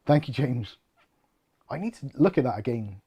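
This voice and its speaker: Hosting a laid-back tech channel livestream, a middle-aged British man reads viewer comments with rambling, jokey, self-deprecating humor. He has a husky, medium-pitched voice with lively intonation at a moderate pace, though the audio sounds dull.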